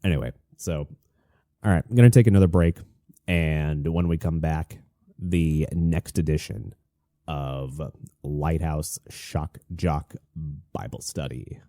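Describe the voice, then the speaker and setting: A man hosting his own online show in a casual, confessional monologue, halting and interrupting himself, with a slightly stuffy voice. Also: a bass voice, mellow, no room sound, clean studio sound. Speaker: host of a solo online show.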